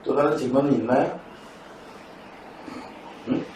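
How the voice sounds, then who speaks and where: A man's voice: medium pitch, a little slow, a little mellow, recorded from a distance, a little hiss or hum. Chatty male math teacher in an echoey classroom. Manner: chatty, asks students questions often. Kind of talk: classroom lecture with storytelling. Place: academy classroom in Seoul.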